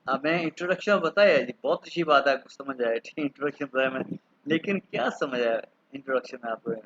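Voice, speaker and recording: A man in his thirties from Pakistan teaching an online German class, patiently repeating words slowly for pronunciation. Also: medium pitch, animated, fairly bright tone, dull audio, a little hiss or hum. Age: 30s.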